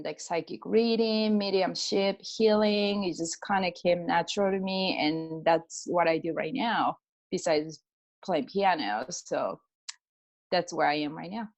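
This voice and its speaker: Taking her time in a fairly low voice, a middle-aged woman from Japan speaks with a Japanese accent as an interview guest. A pianist and energy healer, she tells personal anecdotes casually, leaning on "like" and voicing the quoted exchanges herself.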